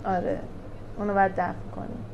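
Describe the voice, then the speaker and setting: A woman's voice: mid-range voice, little pitch movement, lo-fi sound, noisy background. A woman giving a religious lesson to a small class, emphatic, asking questions and answering them herself. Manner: emphatic, asks and answers her own questions. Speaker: religious teacher.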